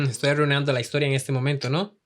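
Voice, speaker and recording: Hombre de voz algo aguda enseñando Biblia. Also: male voice, fairly high pitch, steady tone, fast. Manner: asks the audience many questions. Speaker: Bible teacher. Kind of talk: Bible study lesson in Spanish.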